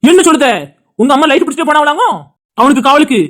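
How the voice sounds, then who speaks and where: A woman's voice: high-pitched, fast talker, close to an everyday voice. A woman with a Tirunelveli Tamil accent voicing an angry husband in a cartoon, who scolds his wife in a heated, insulting way while defending his brother. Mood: contemptuous. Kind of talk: cartoon dialogue acting.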